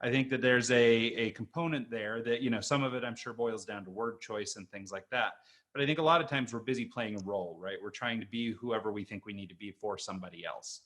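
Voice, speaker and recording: Low-voiced American host, thoughtful and hedging. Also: male voice, fast, a bit bright. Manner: thoughtful, hedging, many fillers. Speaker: podcast host. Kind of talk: conversational interview.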